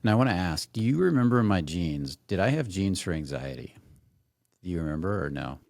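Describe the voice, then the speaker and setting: Brief: middle-aged male host, rambling and excited, dry close recording. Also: low-pitched, brisk, vocal fry, no echo. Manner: enthusiastic, rambling, many fillers. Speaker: podcast host. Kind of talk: casual interview chat.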